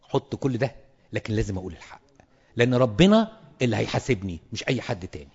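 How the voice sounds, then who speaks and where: A quick-talking Egyptian clergyman with a husky, slightly rough voice lectures fellow priests. He presses his points home by repeating them. The sound is dull and carries a long hall echo. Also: on the low side, lively intonation, a little mellow. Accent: Egyptian Arabic. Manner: emphatic, repeats words for stress.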